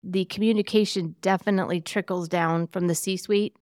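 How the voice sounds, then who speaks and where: A woman's voice: lowish voice, steady tone, normal speed, darkish tone, dry recording, clean studio sound. A woman hosting a workplace podcast in a friendly, chatty way, with a Midwestern American accent. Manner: friendly, chatty, laughs easily. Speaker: podcast host. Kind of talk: casual interview chat.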